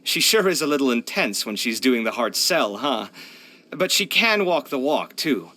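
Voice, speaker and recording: A video game voice actor voices a bright, expressive young male architect at medium pitch and normal speed. The character is proud, earnest and hard-luck, and the lines come out chatty, candid and full of sighs, in a thoughtful, admiring mood.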